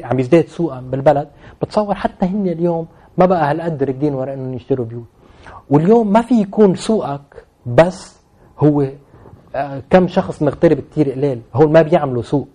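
As an interview guest discussing real estate, a man with a Lebanese Levantine Arabic accent explains things spontaneously. His warm voice sits on the high side, and he repeats phrases for emphasis to stress what he means.

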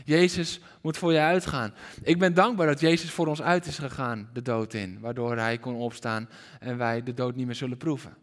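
A man preaching a sermon to a congregation in a hall, animated and questioning his listeners directly. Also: medium pitch, moderate pace. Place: church hall with congregation and livestream. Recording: reverberant hall.

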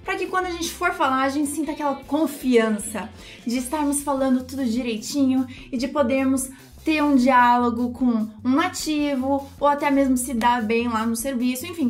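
A woman with a Brazilian Portuguese accent, an upbeat English teacher giving a pronunciation lesson who slows down to model each word. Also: high-pitched.

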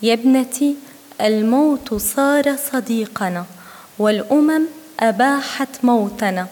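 Woman from Syria, Arabic native, reads slowly, bright higher voice, reverb of a hall. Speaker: author reading her poem. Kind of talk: poetry and prose reading. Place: museum event space.

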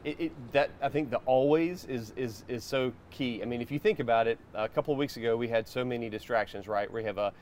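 A man's voice: medium pitch, fairly quick, few pauses, darkish tone, a little hiss or hum. A man hosting a casual interview show, recorded outdoors in a backyard.

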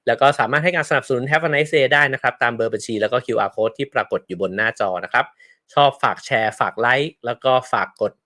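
A man's voice: mid-range voice, fast. A man with a Thai accent hosts a casual solo show into a close microphone, talking politely and chattily through a book and reading out listener messages. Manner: polite, chatty, ends phrases with soft particles. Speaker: podcast host.

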